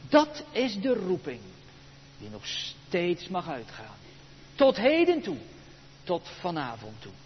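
A male pastor preaching a sermon in a church, emphatic and rhetorical, with dramatic pauses. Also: high voice, wildly swooping pitch, in a large hall, lo-fi sound, slight background noise.

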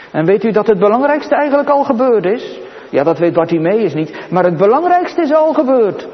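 Slow, solemn male preacher in a reverberant church. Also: sits high. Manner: solemn, swings between raised exclamations and hushed pleading. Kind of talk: sermon. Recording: dull recording with long church reverb.

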